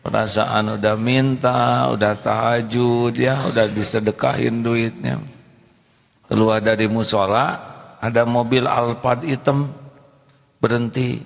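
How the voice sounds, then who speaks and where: Gravelly preacher. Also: male voice, mid-range voice, unhurried. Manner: lively storytelling, acts out characters. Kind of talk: storytelling sermon. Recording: echoey hall reverb.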